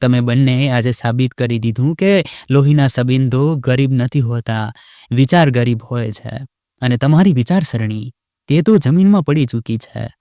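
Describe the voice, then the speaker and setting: A haughty rich young wife, as a male storyteller puts her on, her sharp, taunting voice jumping high as she scolds. She speaks at a middling pitch and sounds close and dry, with no room around her. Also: moderate pace, no room sound, natural voice. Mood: scornful.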